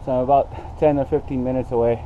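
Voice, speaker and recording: A man in his forties narrating a casual bike-ride vlog outdoors, thinking aloud in a relaxed running commentary, recorded on a bike-mounted action camera. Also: mid-range voice, fast. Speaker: cycling vlogger. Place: outdoors on a coastal road by bike. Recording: muffled action-camera audio with wind and traffic noise.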